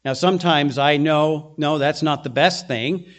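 A man's voice: a little high, a little slow. A middle-aged male pastor giving an earnest expository sermon, with frequent restarts as he works through the text.

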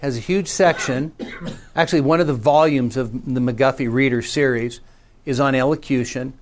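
A middle-aged man, a pastor, teaching a small class about preaching in a meeting room, talking conversationally and often checking in with the group. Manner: conversational, checks in with frequent "okay?" and "right?"; varies pitch and pace for emphasis.

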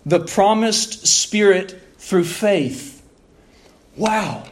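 A pastor preaches an expository sermon into a pulpit microphone, his voice sitting high with drawn-out words. He guides the congregation through scripture passages, reads them aloud, and poses rhetorical questions to his listeners.

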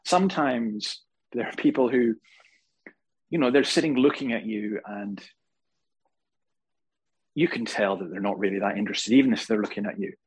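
A man preaching a sermon to a congregation, telling stories with humor and animated emphasis. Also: fairly low pitch, moderate pace, pauses often, breathy edge, low-quality recording. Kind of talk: sermon with storytelling. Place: church hall before a live congregation.

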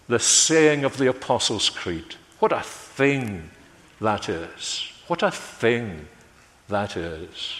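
A man preaching a sermon in a measured way, letting his phrases fall away quietly at their ends. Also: medium pitch. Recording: long hall reverb.

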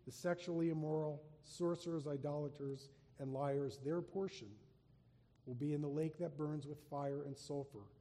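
A man preaches from the pulpit, reading scripture aloud and leaning into key lines with slow, swelling emphasis. His voice is mellow and sits a little high for a man. It carries through a large sanctuary with a long reverb tail. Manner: reads scripture aloud with rising emphasis, slowing for weight. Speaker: pastor.

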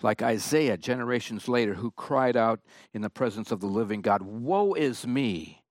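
A man preaching a sermon, reading and explaining scripture in a slow, emphatic way. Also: fairly low pitch, dry recording, studio quality. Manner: slow, emphatic Bible exposition.

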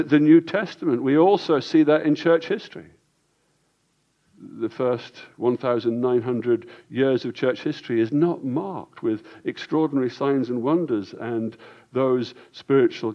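Earnest preacher man, slightly muffled recording. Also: medium pitch. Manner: earnest, many restarts and repeated words. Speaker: pastor. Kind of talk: sermon.

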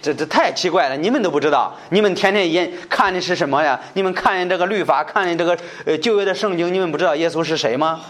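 A healed blind man, bold and indignant, pressing question after question at his accusers in a raised, lifted voice, as a preacher acts him out. His tone climbs high above the speaker's usual talk. He sounds astonished that they cannot see what is plain to him. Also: fast talker, few pauses, a bit bright, close to an everyday voice. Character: man born blind, now healed, boldly challenging.

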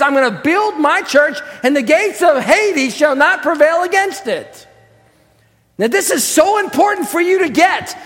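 Man, pastor, very high voice, fervent sermon, shouts for emphasis, long hall reverb. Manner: fervent preaching, rising to shouts and slow emphatic lines. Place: church sanctuary.

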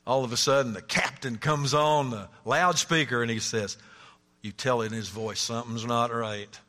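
A man preaching a sermon to a live congregation, animated, climbing to emphatic peaks and often restarting his words. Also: medium pitch, normal speed, big-room sound. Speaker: pastor.

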